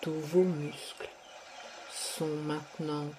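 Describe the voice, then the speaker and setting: A woman leading a guided sophrology relaxation, speaking softly and drawing out her words with long pauses. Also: deep voice, flat delivery, background noise. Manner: slow, soft, drawn-out delivery with long pauses.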